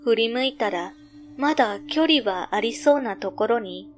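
A woman reading a scripted ghost story as narrator, measured and suspenseful, pausing between short phrases. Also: a little high, expressive, soft background music.

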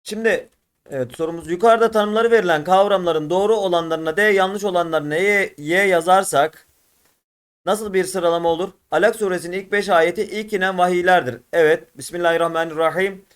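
A man with a Turkish accent teaching an exam-prep lesson, working through test questions and repeating syllables slowly. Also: high voice, smooth. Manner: addresses viewers as friends, repeats syllables slowly and drawn out. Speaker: religious studies teacher.

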